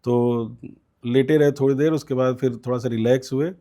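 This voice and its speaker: A man's voice: medium pitch, fairly even intonation, moderate pace, mellow. A man, a guest in an interview, telling a long story in a conversational way, with frequent fillers and quoted voices. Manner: recounts events at length with many fillers and quoted voices. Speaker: student politician guest.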